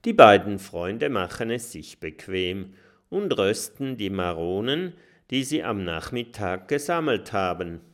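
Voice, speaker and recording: A man reads a children's story aloud with lots of expressive, dramatic storytelling. His fairly low voice swoops up and down, and he takes his time with every sentence. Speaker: storybook narrator. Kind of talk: children's audiobook narration.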